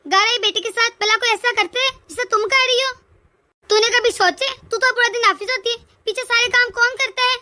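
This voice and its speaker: A stern, lecturing middle-aged mother-in-law from a cartoon family story, voiced by a woman. She nags and scolds in a high, bright voice. The sound is dry and close. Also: fairly even intonation, brisk, no room sound, full character voice. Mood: scolding. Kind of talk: cartoon voice acting.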